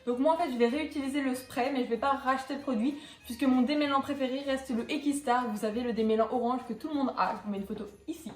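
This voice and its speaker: With a high, steady voice, a young equestrian vlogger talks quickly and barely pauses as she chats through a casual product review. She still fills her speech with small hesitations and restarts, and the sound is roomy.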